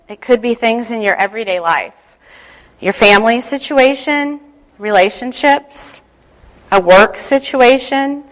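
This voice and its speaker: A woman speaking as a church leader, giving a devotional talk and guided prayer in a gentle, unhurried, instructive way. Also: fairly high pitch, rough recording.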